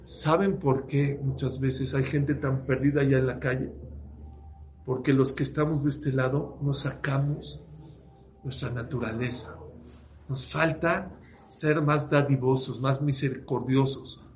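A man, preaching as a rabbi, who tells a story with lively voiced dialogue. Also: mid-range voice, a little slow, a little hiss or hum. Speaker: rabbi giving a talk. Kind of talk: sermon story.

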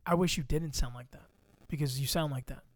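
A man's voice: fairly high pitch, a little fast, no echo. A young man co-hosting a casual podcast, joking and trash-talking playfully into a close mic. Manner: joking, playful trash talk and mock rapping. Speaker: podcast co-host. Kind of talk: casual chat. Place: home room at a computer. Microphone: close microphone.

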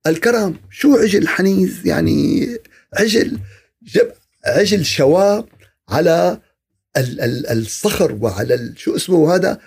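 Gravelly man giving a religious talk. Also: fairly high pitch, animated, measured pace, darkish tone. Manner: asks rhetorical questions and answers them himself. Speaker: religious speaker. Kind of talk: podcast religious talk on a prophet's life.

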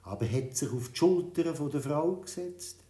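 A man reading a children's story, in a lively, expressive telling. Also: on the high side, normal speed. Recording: roomy echo.

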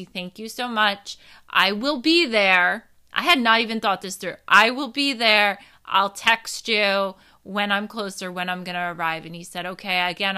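A woman's voice: medium pitch, pushed and bright, clean tone. A woman hosting a casual storytelling show. She speaks candidly to her listeners, swears now and then, and turns reflective. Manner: candid, profane, reflective, addresses listeners as y'all. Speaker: podcast host telling a story.

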